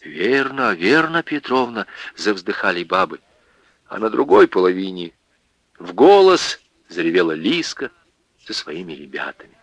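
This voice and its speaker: A man reading a novel aloud as an audiobook narrator, in measured, expressive storytelling. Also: low-pitched, vocal fry, dry recording. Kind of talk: scripted narration.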